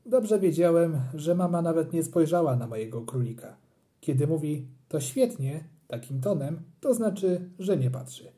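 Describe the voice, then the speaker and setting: An audiobook reader narrating a children's story in an animated, playful way. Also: mid-range voice, moderate pace.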